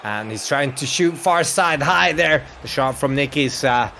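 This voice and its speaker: With slight background noise behind him, this esports commentator from Sweden calls an online hockey match play by play in English, his second language after Swedish. His mid-range voice is expressive, pushed and bright, with vocal fry, at normal speed. Chatty and quick to laugh, he talks with viewers and reads their chat aloud.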